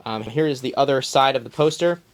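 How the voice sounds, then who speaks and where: A man's voice: medium pitch, a little fast. A young man casually showing his collection to a phone camera, rambling with many ums and restarts in a small room at home. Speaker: collector giving a room tour. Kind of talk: casual filmed walkthrough.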